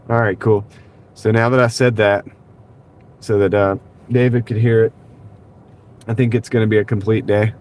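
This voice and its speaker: Talking to his viewers from his car at night over a wireless clip-on mic, this man rambles casually, reads chat aloud, and chuckles a lot. He speaks a little slowly with frequent pauses and little pitch movement. His lowish voice is darkish, slightly rough, and nasal from congestion.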